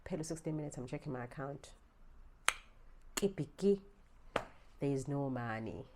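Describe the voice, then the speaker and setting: A young South African woman with a South African accent, vlogging a storytime, animated and swearing freely, swinging between quiet asides and loud outbursts. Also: rumbling low, normal speed, noisy background. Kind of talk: storytime vlog. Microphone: small handheld gimbal camera.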